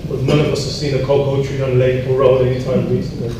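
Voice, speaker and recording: A man talks informally at a medium pitch and a quick pace, his delivery completely flat. His style is punchy, wry and challenging, packed with rhetorical questions. He's in a large, very echoey hall at a public event, recorded from a distant mic with clear noise.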